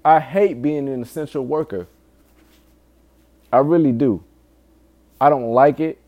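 A man's voice: medium pitch, unhurried, warm tone, muffled recording. A man speaking casually and candidly in a solo podcast monologue, swearing often and earnestly pleading with listeners in urgent warnings. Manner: informal, frequent swearing. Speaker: podcast host.

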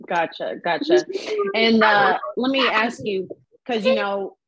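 A woman in her thirties hosting a video call interview, encouraging and warm with her guest. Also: medium pitch, lively intonation, measured pace, highs cut off, a crowd in the background. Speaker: host.

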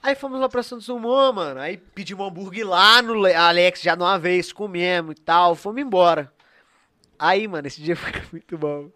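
A man's voice: high-pitched, normal speed. A man with a Brazilian accent telling a story casually on a podcast, loose and slangy, into a studio mic. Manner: animated slangy storyteller, acts out quoted voices. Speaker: podcast host. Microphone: studio podcast microphone.

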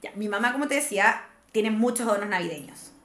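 A woman's voice: mid-range voice, lively intonation, fairly bright tone. Joking Chilean woman in a roomy space. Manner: chatty, joking, quick laughs. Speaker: podcast guest. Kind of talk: casual chat.

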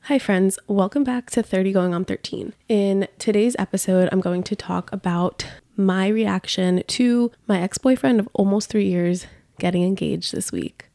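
Congested, gravelly woman in her thirties. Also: mid-range voice, moderate pace, warm tone, no room sound. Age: 30s. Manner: chatty and candid, laughing now and then. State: congested from a cold. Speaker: podcast host. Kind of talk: casual confessional chat.

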